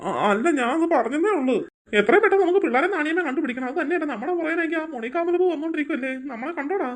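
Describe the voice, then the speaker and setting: A fretful companion, fussy about her hair, played by a woman chatters away in a kids' fan drama. Her voice sits high and she talks quickly. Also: lively intonation, faint music behind.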